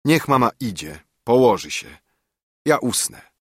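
A man voicing a frightened young village lad who speaks quietly and haltingly, in an audiobook reading. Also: medium pitch, very animated, husky, no room sound, studio quality, pitched above the performer's own voice, full character voice. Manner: quiet, faltering.

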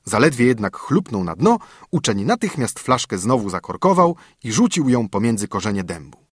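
A man narrating a fairy tale in an expressive, lively reading. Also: medium pitch, moderate pace, breathy edge, dry recording, clean studio sound. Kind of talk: storybook narration.

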